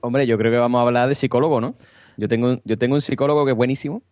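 Guy on a podcast talking super fast, joking around, dry sound. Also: medium pitch, fairly even intonation, darkish tone, no room sound, lo-fi sound. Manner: fast, teasing banter. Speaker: podcast guest. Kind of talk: casual podcast chat.

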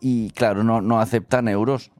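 A man's voice: lowish voice, steady tone, moderate pace, darkish tone, dry recording, faint music behind. A man from Spain co-hosting a podcast, chatting casually with wry jokes. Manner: joking, wry asides. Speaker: podcast co-host. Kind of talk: casual chat.

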